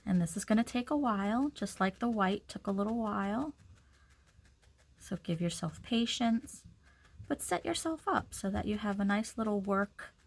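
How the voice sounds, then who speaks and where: A woman with a mid-range voice and vocal fry gives a casual, step-by-step craft tutorial at a normal pace. Her intonation is lively as she informally talks through each action while she works.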